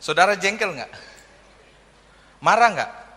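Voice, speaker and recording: Bright, high-voiced man preaching in hall. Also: lively intonation, slow, slight background noise. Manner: humorous storytelling with acted quotes. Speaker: pastor. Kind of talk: sermon. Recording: long hall reverb.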